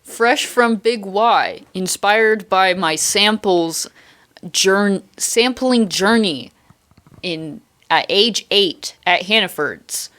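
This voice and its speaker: A woman's voice: mid-range voice, takes it slowly, fairly bright tone. Young woman hosting with dry playful jokes. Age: young adult. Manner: playful mock-formal, dry joking. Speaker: host. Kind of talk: casual chat interview.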